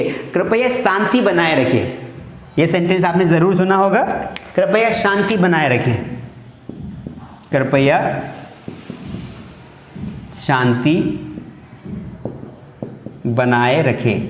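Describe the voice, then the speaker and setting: Man, spoken English teacher, slow drawn-out example sentences, high-pitched, reverberant room. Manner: repeats "ठीक है" and "दोस्तों" while addressing viewers. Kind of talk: classroom lesson, explaining in Hindi with English sentences.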